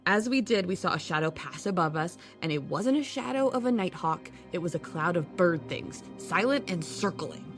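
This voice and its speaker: A woman's voice: on the low side, expressive, normal speed, hardly any pauses, soft background music, close to an everyday voice. A woman narrating and acting a lead in an audio drama, dry, matter-of-fact and a little exasperated.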